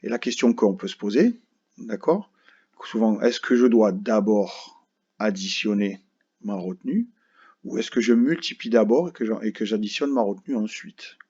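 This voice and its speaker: Speaking at a moderate pace in an animated way, the male primary school teacher has a low-leaning, darkish voice with a breathy edge. He patiently breaks a math lesson into steps for the children, keeps checking they understand and asks "d'accord?" again and again. The audio is dull and lo-fi.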